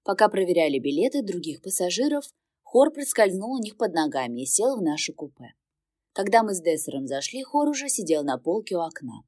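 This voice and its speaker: A woman reading first-person fantasy narration in an even, wry storytelling manner. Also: on the low side, brisk, no echo, clean studio sound. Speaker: audiobook narrator.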